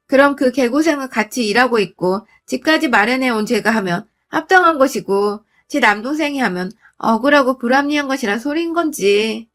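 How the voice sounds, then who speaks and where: A woman narrating her own marriage story in the first person, in a blunt, indignant, colloquial way. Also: a little high.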